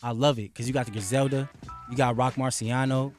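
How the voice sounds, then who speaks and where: A young rapper from Los Angeles, US, appears as a guest in a casual interview chat about his music. He sounds laid-back and slangy, leans heavily on fillers, and talks a little fast at a middling pitch for a man. Faint music plays behind him.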